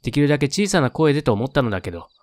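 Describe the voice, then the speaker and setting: A man voicing a timid young girl from a strict old family in a spoken horror game, talking in a hesitant, quiet way. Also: mid-range voice, big pitch swings, racing, dry recording, lightly acted.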